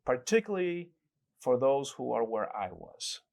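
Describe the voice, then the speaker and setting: A man from El Salvador talks through his story as an interview guest. He speaks at a middling pitch, pauses often, and circles back to restart his sentences in a reflective, conversational way. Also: big pitch swings, vocal fry, a little mellow.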